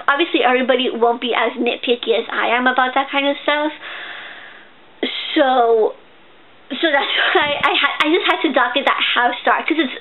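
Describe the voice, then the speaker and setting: A young woman casually reviewing a book, chatty and gushing, with lots of fillers and restarts. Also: sits high. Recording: tinny, phone-like sound.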